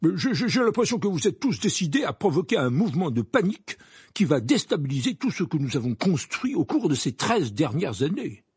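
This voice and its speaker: A pompous, defensive minister who trips over his words, as a man reading a storybook puts him on. His breathy voice swings widely up and down, close and dry. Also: fairly high pitch, sing-song, a little fast, a little mellow, no room sound, pitched above the performer's own voice, exaggerated voice. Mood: indignant. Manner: stammering, repeating words. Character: pompous flustered male minister, stubborn and defensive. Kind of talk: audiobook character voice.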